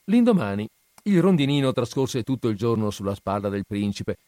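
A man narrating a fairy tale in an expressive, measured way. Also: medium pitch, dry recording. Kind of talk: storybook reading.

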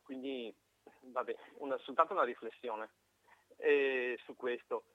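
A man calling in to a live radio show over the phone, giving a halting, reflective opinion with frequent restarts. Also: mid-range voice, dry recording. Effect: heard over a phone line. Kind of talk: call-in opinion on a live broadcast. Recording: tinny dry phone line.

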